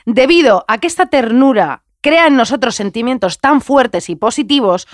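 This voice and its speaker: A woman's voice: a little high, expressive, moderate pace, no room sound, clean studio sound. A young woman co-hosting a casual podcast chat, rambling and playful, tripping over words and repeating herself. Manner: rambling, playful, giggly, tongue-tied repetitions. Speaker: podcast co-host.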